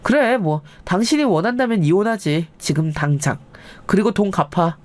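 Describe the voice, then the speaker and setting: A woman voicing a fed-up husband who speaks coldly and deliberately. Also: mid-range voice, lightly acted. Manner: flat, cold, deliberate. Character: cold, fed-up husband in his thirties. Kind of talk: storybook narration with dialogue.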